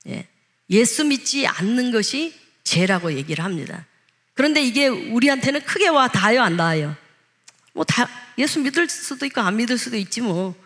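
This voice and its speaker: A woman's voice: on the high side, sing-song, moderate pace, fairly bright tone. A woman pastor delivering a sermon in a conversational way. She asks the congregation questions and acts out the lines she quotes. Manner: acts out quoted speech in changed voices.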